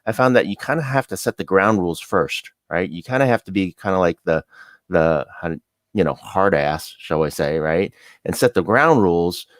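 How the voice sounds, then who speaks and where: A man's voice: deep voice, animated, moderate pace, dry recording, clean studio sound. A man hosting a casual interview, thinking aloud and checking in with his listener.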